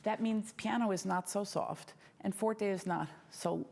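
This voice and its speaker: A middle-aged woman coaching a young violinist in a masterclass, lively and demonstrative, often laughing and singing rhythms. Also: medium pitch, unhurried, gravelly. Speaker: violin teacher giving a masterclass. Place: concert hall stage at a music competition. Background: violin and piano playing faintly.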